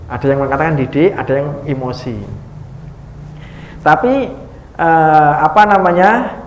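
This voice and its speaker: Animated Javanese-accented male preacher. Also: on the high side, a little slow, muffled recording. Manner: lively, joking, mixes in Javanese phrases; swings between loud emphasis and soft asides. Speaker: Islamic preacher. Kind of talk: informal religious study talk. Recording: echoey hall with faint noise.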